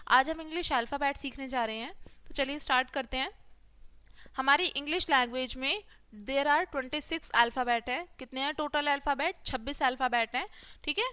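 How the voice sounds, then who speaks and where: A woman's voice: high voice, normal speed, bright, forceful tone. A woman teacher, giving a phonics lesson to young children and repeating each sound as question and answer.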